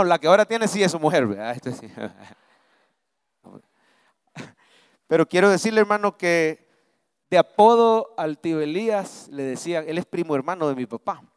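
Salvadoran male pastor, middle-aged, high smooth tenor, storytelling sermon, dry close mic. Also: dry recording. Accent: Salvadoran Spanish. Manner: storytelling, rising to fervent proclamation. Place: church, live service.

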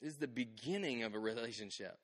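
A man in his thirties preaching a sermon, telling stories with animated delivery and acting out bits of dialogue. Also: medium pitch, quick pace. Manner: animated storytelling, acts out quoted dialogue. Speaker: pastor. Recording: long hall reverb.

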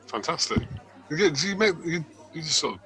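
A man's voice: fairly high pitch, expressive, moderate pace, sharp tone, poor audio. A man hosting a podcast, chatting casually and giving brief, encouraging replies.

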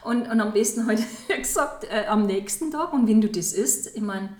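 A woman talks casually as a podcast co-host. She often agrees and stops to search for her words. Her voice sits at an ordinary middle pitch and carries a clear roomy echo. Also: expressive, normal speed, a little mellow. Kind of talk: casual chat.

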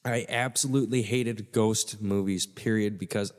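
A man's voice: lowish voice, fairly even intonation, normal speed. Man talking in a big echoey hall. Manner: loose, swearing, enthusiastic. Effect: big echoey hall reverb. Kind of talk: casual chat. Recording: long hall reverb on voice.

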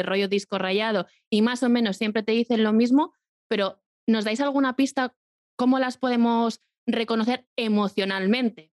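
Woman host, kinda high voice, laughs a lot, dry close recording. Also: no echo. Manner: laughs often, speaks openly about personal feelings. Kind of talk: casual conversation.

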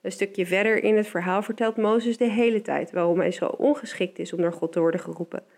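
A woman giving a calm, measured Bible meditation, slowing down for emphasis. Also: medium pitch. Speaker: devotional speaker.

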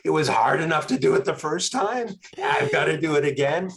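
A man, a guest author, telling a story in a casual interview, with animated emphasis. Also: fairly high pitch, fairly quick, vocal fry.

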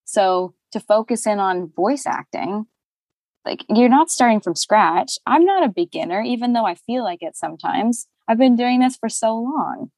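A young woman, a voice actor, talking casually in an interview, chatty and animated with lots of fillers and laughter. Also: on the high side, moderate pace, dry recording.

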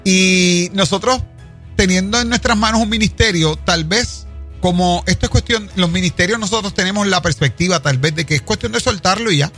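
High-voiced male co-host, reflective. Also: a little fast, fairly bright tone, soft background music.

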